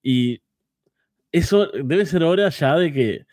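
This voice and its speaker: A man's voice: fairly high pitch, animated, slow, a little mellow, dry recording. Man chatting casually, dry sound. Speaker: wrestling podcast co-host. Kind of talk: casual conversational review.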